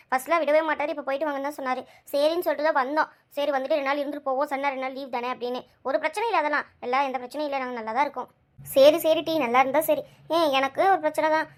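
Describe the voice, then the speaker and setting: A woman voicing a worried village mother of two who talks in a brisk, chatty, bossy way. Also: high-pitched, close to an everyday voice.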